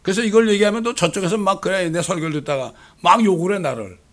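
A man's voice: high voice, fast, a bit bright. A middle-aged man preaching a sermon, asking the congregation rhetorical questions and pressing his points with emphasis. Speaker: pastor.

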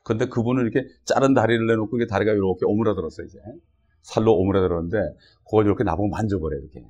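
Male pastor, husky voice, chatty sermon delivery that keeps prodding the congregation. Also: on the low side, racing, warm tone, muffled recording. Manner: conversational preaching with frequent "어?" and "예?" checks.

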